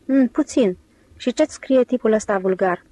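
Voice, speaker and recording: A woman voicing a sly young male adventurer in an audiobook, smooth and quick to grow jealous. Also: on the high side, expressive, dark tone, no room sound. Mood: anxious. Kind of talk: audiobook character reading.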